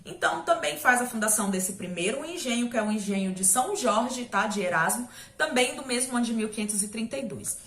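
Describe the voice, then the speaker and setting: A woman's voice: fairly high pitch, expressive, brisk, few pauses, a bit bright. Chatty Brazilian woman teacher, echoey room. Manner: chatty and conversational, addressing students directly with frequent "tá?" and jokes. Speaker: history teacher. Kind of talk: recorded video lesson.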